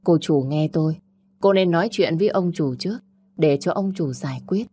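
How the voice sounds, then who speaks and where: A woman narrator voicing a gentle, respectful older male family driver. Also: low-pitched, normal speed, a little hiss or hum, natural voice.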